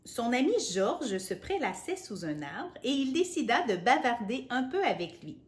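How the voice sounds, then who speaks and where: A woman reading a picture book to children, playful and animated, adding sound effects and asides. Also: on the high side, moderate pace. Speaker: children's storyteller.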